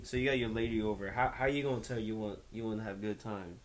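A man's voice: on the low side, fast, crowd noise. A young man co-hosting a podcast in casual chat, slangy and rambling.

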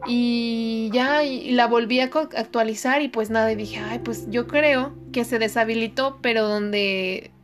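A woman's voice: fairly high pitch, steady tone, measured pace, hardly any pauses, soft background music. A young Mexican woman telling gossip in a casual chat, swearing freely and acting out dialogue. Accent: Mexican Spanish.

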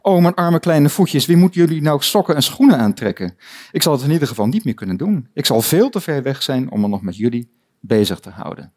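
A man's voice: medium pitch, big pitch swings, a little fast, a little mellow. A man reading aloud as a young girl from a storybook, astonished and fretting over her faraway feet. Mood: fretful.

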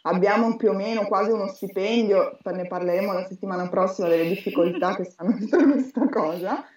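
A woman's voice: mid-range voice, fairly quick, darkish tone. A woman in her thirties hosting a casual, jokey group chat and reading out listeners' contributions. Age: 30s. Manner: jokey, chatty. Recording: echoey, dull, distant mic.

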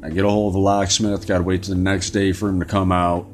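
A man's voice: deep voice, little pitch movement, quick pace, soft background music. A man hosting a podcast, telling a story in an indignant, profane rant. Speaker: podcast host. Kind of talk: angry storytelling monologue.

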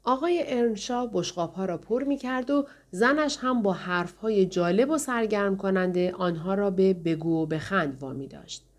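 A woman narrating an audiobook in steady storytelling fashion, voicing the characters in turn. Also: medium pitch. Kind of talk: scripted narration.

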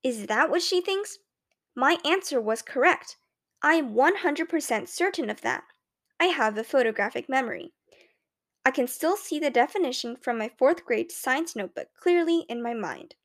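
A woman reading a children's novel aloud in the first person, with clear, expressive storytelling. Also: sits high, normal speed. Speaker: audiobook narrator. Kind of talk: scripted first-person audiobook narration.

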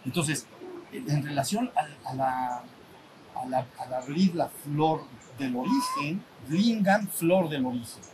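A man gives a loose, conversational retreat lesson in a slightly raised voice. He keeps circling back and restarting phrases, asking the group whether they follow. A constant low rumble and hiss run under the recording. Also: takes it slowly. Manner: conversational, full of restarts, checks in with listeners, acts out sounds. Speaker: spiritual retreat teacher. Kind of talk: informal retreat lecture. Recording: steady background rumble and noise.

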